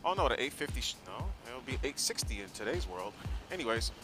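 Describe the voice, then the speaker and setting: Music plays beneath an American man's brisk, sing-song, mid-range voice as he chats from inside his motorcycle helmet mid-ride. A motorcycle vlogger, he rambles in an easygoing way and corrects himself along the way.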